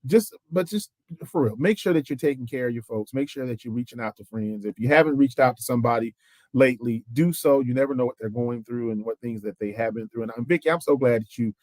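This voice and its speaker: A man's voice: medium pitch, quick pace, no echo. A man co-hosting a gospel podcast, telling funny stories in a casual chat and acting out the people he quotes. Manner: animated storyteller who acts out quotes. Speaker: podcast co-host.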